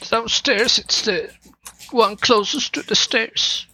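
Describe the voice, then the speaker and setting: Gm doing a teary young innkeeper's granddaughter, way high-pitched, bright and hesitant. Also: female voice, slow, breathy edge, heavily acted, poor audio. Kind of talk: tabletop role-play.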